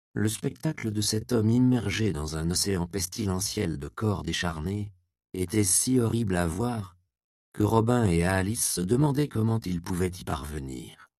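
A man reading a dark story aloud as scripted narration, grave and measured. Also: sits low, dry recording, clean studio sound.

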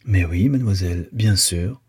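A man reading the part of a flattered, evasive young man in an audiobook, speaking in a mild, polite, hedging way. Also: deep voice, normal speed, husky, dry recording, clean studio sound. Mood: tender.

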